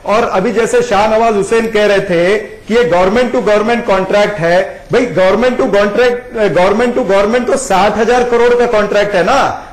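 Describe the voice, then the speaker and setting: A man speaking for his party in a televised debate, firing off a rapid string of pointed questions. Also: high voice, echoey room, rough recording. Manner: rapid-fire listing of questions. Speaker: party spokesman. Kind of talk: political debate.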